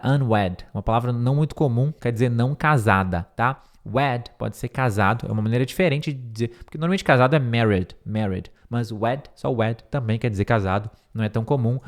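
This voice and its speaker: Guy teaching english, slow careful english bits, repeats words a lot, quick explaining in between. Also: medium pitch. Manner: repeats words many times to drill pronunciation. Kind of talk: English lesson explaining a speech line by line.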